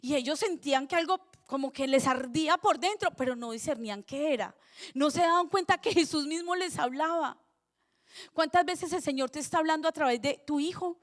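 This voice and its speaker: A middle-aged woman pastor, preaching a sermon in a conversational, animated way with rhetorical questions. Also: sits high, brisk.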